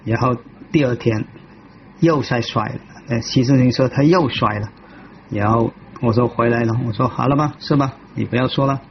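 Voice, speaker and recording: A man giving a personal testimony in a halting way, often restarting and repeating himself. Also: medium pitch, lo-fi sound, a little hiss or hum. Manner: halting, with many restarts and repetitions. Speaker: devotee telling his life story.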